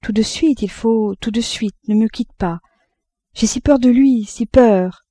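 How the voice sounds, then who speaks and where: A woman's voice: medium pitch, moderate pace, dark tone, no echo, lightly acted. Woman reading as an anguished pleading mother. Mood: panicked. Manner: impassioned, pleading, breaking with emotion. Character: anguished middle-aged mother, pleading and fearful.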